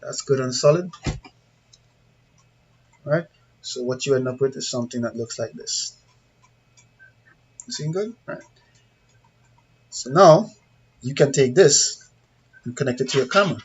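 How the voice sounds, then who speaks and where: A CCTV installer with a Trinidadian accent gives an informal hands-on tutorial, walking through each step in a plain-spoken, conversational way and checking in with viewers. His voice is medium-pitched at a normal speed, and he pauses often. The recording sounds dull and lo-fi, with background noise.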